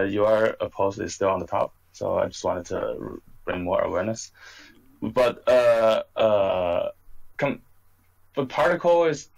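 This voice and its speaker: A man in a casual online panel talk, speaking haltingly with many fillers over a choppy internet call that keeps cutting out. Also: medium pitch, vocal fry, low-quality recording. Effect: choppy, cutting-out internet call connection. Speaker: app founder on a panel. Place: in China. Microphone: voice chat app over VPN.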